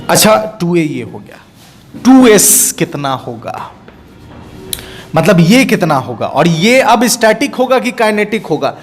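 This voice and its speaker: A man's voice: high-pitched, a little hiss or hum. A man teaching physics for an exam-prep class, asking questions over and over and answering them himself, mixing in English terms. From India. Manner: mixes Hindi with English terms.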